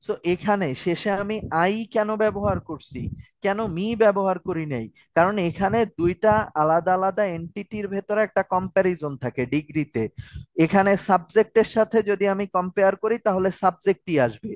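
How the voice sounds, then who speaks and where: A man's voice: high-pitched, moderate pace, no echo, low-quality recording. A man giving an online grammar lecture, explaining step by step and answering viewer questions. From Bangladesh. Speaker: grammar tutor.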